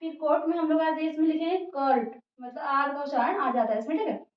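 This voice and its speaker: A woman's voice: high voice, fast talker. A woman teaching a casual spoken lesson, explaining word by word and repeating herself often with many fillers. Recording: dull, roomy, distant from mic.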